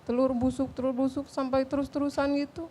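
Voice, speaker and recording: A woman with a high-pitched voice talks hesitantly, repeating phrases and trailing off. A faint background hiss sits under her voice. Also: flat delivery, a little fast, warm tone. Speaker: guest seeking help. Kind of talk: confessional chat.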